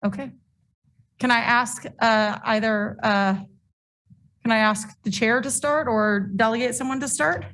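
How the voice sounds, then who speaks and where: A woman informally facilitating a meeting, speaking hesitantly with frequent pauses. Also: a little high, steady tone, fairly bright tone.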